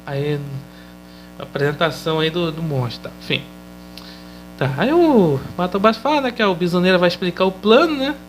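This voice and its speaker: High-voiced Brazilian man recapping casually. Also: sing-song, normal speed, a little hiss or hum, low-quality recording. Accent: Brazilian Portuguese. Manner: loose and chatty, tags sentences with questioning fillers. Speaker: episode reviewer.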